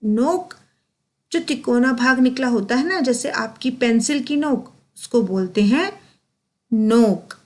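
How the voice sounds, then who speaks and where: A woman teacher leading a pronunciation drill for children, saying each word slowly and repeating it, then correcting common mistakes and quizzing the class. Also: on the high side, animated, a little mellow.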